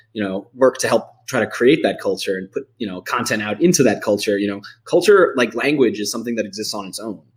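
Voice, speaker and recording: A man hosting a podcast, talking casually in a rambling way, full of "like" and "you know". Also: on the low side. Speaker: podcast host.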